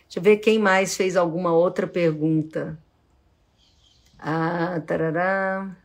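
Slow and fairly low-pitched, a middle-aged woman with a Brazilian accent works as a psychologist answering questions from a live audience in a relaxed format. Her tone is calm and explanatory, and she acts out brief speaking examples.

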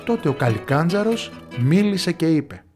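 A man telling a folk tale in lively, expressive scripted narration. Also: on the high side, soft background music.

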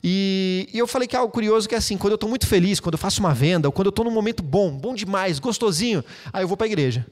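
A man preaching a sermon as pastor, lively and conversational, with playful asides to the congregation. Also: sits high, racing, hardly any pauses, long reverb tail. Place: church hall.

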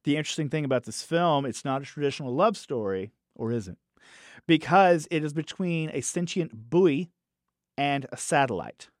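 A man's voice: on the high side, normal speed, no room sound, studio quality. A man reviewing films in a casual podcast chat, talking animatedly and restarting phrases as he thinks aloud. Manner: animated, acts out quoted characters in raised voices. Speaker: film reviewer.

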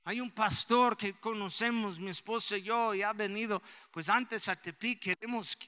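A pastor from the United States, preaching a sermon and rising to shouts for emphasis. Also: male voice, high voice, moderate pace, clean tone. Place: church. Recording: long church hall reverb.

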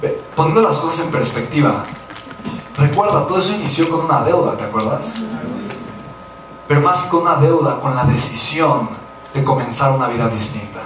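A Mexican man delivers a motivational talk in an animated storytelling manner, acting out the voices of people he quotes. His voice sits on the higher side. He is picked up from a distance in a very echoey hall with a faint hiss underneath. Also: normal speed. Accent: Mexican Spanish. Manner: animated, acts out quoted voices, frequent tag questions. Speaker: motivational speaker.

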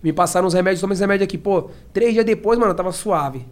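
Fast-talking paulista man, slangy and lively. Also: sits high. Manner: slangy and animated, acts out his own past shouts. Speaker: podcast guest, professional fighter. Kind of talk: casual storytelling.

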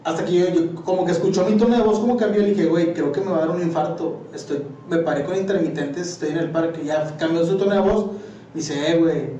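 A man's voice: a little high, fast, dark tone, a little hiss or hum. A young man with a Mexican Spanish accent, telling a rambling personal story in casual chat, slangy and full of fillers. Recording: echoey room, far from mic.

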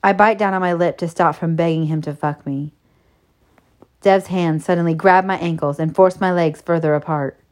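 A woman narrating a first-person erotic story in a soft, steady, intimate reading. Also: fairly low pitch, normal speed.

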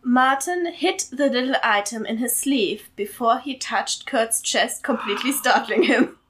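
A woman's voice: a little high, a little slow, fairly bright tone, a little hiss or hum, low-quality recording. A woman hosting a podcast, reading her own story aloud and chatting between passages with amused laughter. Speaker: story author and podcast host.

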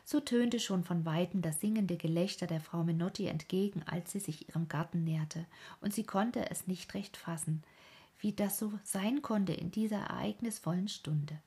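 Narrator: woman, breathy half-whisper, gentle storybook reading. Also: on the low side, normal speed.

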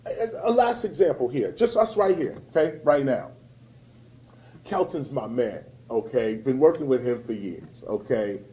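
A man from the United States, a rapper, giving an impassioned public talk to an audience, emphatic and repeating key phrases, swinging between loud and hushed. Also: mid-range voice, animated, measured pace, low-quality recording.

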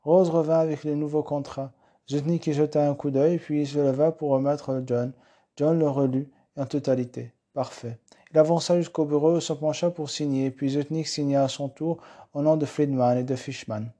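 A man reading a novel aloud in a steady, dry narrating style. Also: on the high side, normal speed. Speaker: reader. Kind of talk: audiobook narration.

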